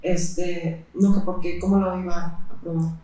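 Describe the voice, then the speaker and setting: A woman recounts her experiences in an interview, speaking in a flat, even tone. She talks haltingly, filling her pauses with hesitations. The recording is heavily echoey. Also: lowish voice. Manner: halting, with frequent fillers and pauses. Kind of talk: personal testimony in interview. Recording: very echoey room.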